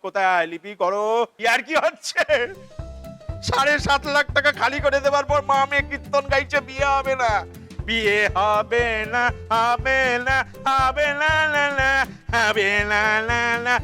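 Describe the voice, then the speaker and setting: Ranting Kolkata dad played by a man: high, bright, sarcastic, keeps shouting the same lines. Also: a little fast, faint music behind. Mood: forced calm, then frantic indignant. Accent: Kolkata Bengali. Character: frantic middle-aged father of the bride, money-obsessed. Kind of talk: theatre play reading.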